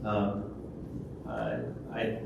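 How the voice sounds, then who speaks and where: Very slowly and in a creaky, sing-song voice on the low side, a man gives a conference talk followed by Q&A in a large hall. He hesitates a lot, filling pauses and restarting sentences. The recording is distant, noisy and full of hall echo.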